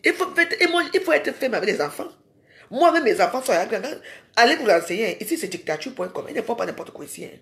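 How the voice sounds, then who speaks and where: A woman's voice: fairly high pitch, very animated, fast, fairly bright tone. A woman ranting in a live social media video. She is confrontational and scolding and keeps firing rhetorical questions at her viewers.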